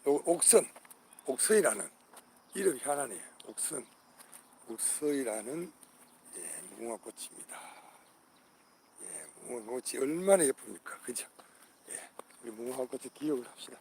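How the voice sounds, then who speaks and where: An older man with a gravelly voice records a vlog in an outdoor park garden. He names each flower in turn, often repeating the name, and calls out to his viewers with patriotic enthusiasm. Faint crickets and insects chirp behind him. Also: medium pitch, very animated, normal speed, pauses often, a little mellow, slight background noise. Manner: hearty patriotic appeals to viewers. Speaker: channel host.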